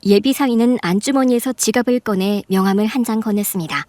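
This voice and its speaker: A middle-aged mother, voiced by a woman telling her story in a radio drama, measured and then firm and sharp. Her voice sits high and clear. The sound is dry and close-miked. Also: no room sound, lightly acted. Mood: narrating. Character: middle-aged mother, calm narrator who snaps in anger. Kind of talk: Korean radio drama narration.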